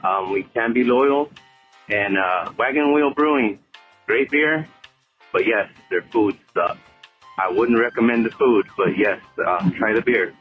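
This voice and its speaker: Male caller from California on a muffled landline voicemail, husky, hesitant and chatty. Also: lowish voice, measured pace, soft background music. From Oxnard, California, US. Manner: rambling, many hesitant fillers. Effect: heard over a landline voicemail. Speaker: podcast listener leaving a voicemail. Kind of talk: casual phone message. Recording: dull lo-fi voicemail audio.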